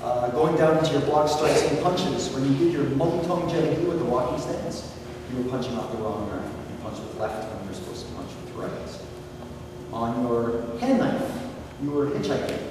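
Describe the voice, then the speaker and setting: Working through a student's belt test point by point, a martial arts instructor speaks with a big, carrying voice that stays measured and encouraging. Captured from afar on a camera mic, his words are trailed by a long, booming reverb from the large training hall, over steady room noise.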